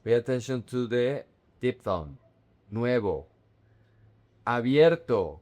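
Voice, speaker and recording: A man teaches a Spanish lesson at a very unhurried pace, leaving space around every word. He says each word carefully and repeats it, stressing its syllables so they come through clearly. His voice sits at an ordinary middle pitch. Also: lively intonation. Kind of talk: slow, careful language lesson.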